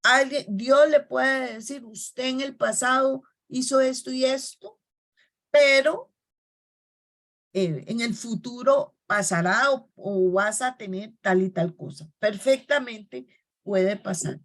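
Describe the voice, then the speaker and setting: A woman preacher giving a sermon, telling personal stories in a soft storytelling manner and slowing down on key phrases. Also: on the high side.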